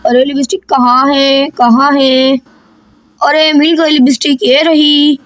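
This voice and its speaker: A woman voicing a playful doll girl in a louder, lower put-on voice. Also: level tone, slow pace, no echo. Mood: busy.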